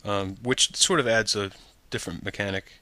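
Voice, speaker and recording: A man's voice: on the low side, fairly even intonation, moderate pace, pushed and bright, no room sound. A man hosting a casual gaming podcast, talking in a laid-back, rambling way with frequent ums. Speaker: podcast host.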